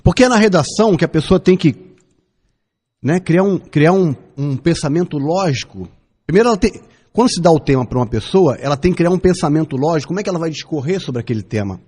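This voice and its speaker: On the radio, a Brazilian man in his fifties delivers an emphatic opinion commentary from the studio, hammering his points with repetition and rhetorical questions. His voice runs on the high side with lively intonation and a darkish, breathy tone, and he talks fast.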